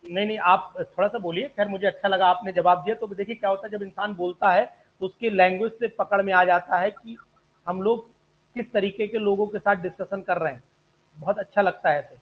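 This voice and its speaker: A man's voice: sits high, steady tone, brisk, phone-quality sound. A man teaching an online chemistry class, politely asking students questions and calling them sir.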